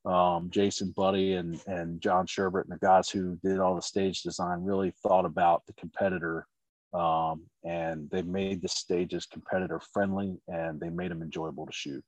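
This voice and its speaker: Middle-aged male competition shooter, very low voice, rambling casual chat, dry close sound. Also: flat delivery, moderate pace, dry recording, poor audio. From Maryland. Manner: rambling, many fillers.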